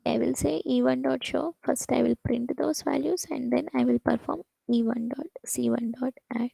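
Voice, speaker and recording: A woman with a high voice full of heavy vocal fry leads a programming lecture. She talks fast and circles back on herself with fillers, and the sound is dry and close, with no room around it. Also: steady tone, warm tone, dry recording, poor audio. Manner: explains with many restarts and "basically", "like" fillers. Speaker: programming instructor.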